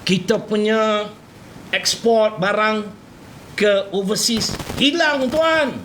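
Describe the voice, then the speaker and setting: A man with a Malaysian Malay accent giving a lively, humorous religious lecture to an audience. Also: sits high, reverberant, slight background noise, rough recording. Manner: animated, jokey, switches between loud and soft. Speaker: preacher.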